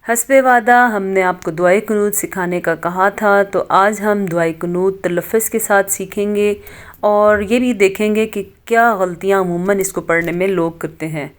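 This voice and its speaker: A woman teaching a prayer word by word, chanting each phrase slowly and then quickly correcting common mistakes. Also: mid-range voice. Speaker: Quran recitation teacher. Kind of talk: word-by-word recitation lesson.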